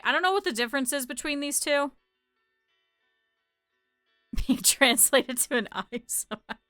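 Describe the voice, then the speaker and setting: A woman's voice: high voice, pushed and bright, no room sound, studio quality. An American woman streaming in casual chat, swearing freely and laughing often. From United States.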